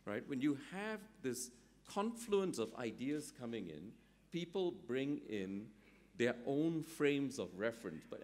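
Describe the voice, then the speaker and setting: A middle-aged man from Singapore, speaking as a summit panelist. He thinks aloud with many ums and often checks in with "right?". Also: fairly low pitch. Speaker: conference panelist. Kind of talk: panel discussion at an economic summit.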